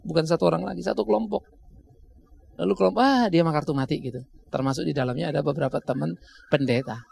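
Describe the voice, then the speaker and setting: A man's voice: on the high side, fast, vocal fry, darkish tone, breathy edge. A middle-aged male pastor, preaching a sermon in a conversational way, often laughing at his own stories. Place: church.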